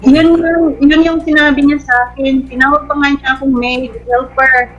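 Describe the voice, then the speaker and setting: A woman's voice: high voice, flat delivery, moderate pace, a bit bright, lo-fi sound. A woman with a Filipino accent, a complainant telling her side on a call.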